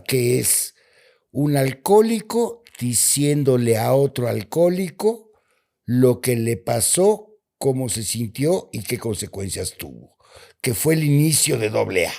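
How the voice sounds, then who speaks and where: Guy with a gravelly voice, earnest, explains things in a chat. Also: medium pitch, dark tone. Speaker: guest, AA member. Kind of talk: conversational discussion.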